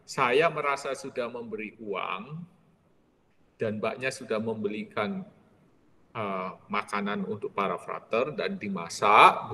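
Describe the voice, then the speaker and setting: A man in his forties, a priest leading a retreat, telling a personal story in a lively way and tagging his sentences with "ya". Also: medium pitch, big-room sound, a little hiss or hum.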